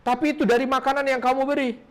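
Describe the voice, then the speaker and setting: A man's voice: extremely high pitch, little pitch movement, fast, voice pushed up. A man voicing an innocent young man who earnestly protests in a raised voice. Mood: pleading.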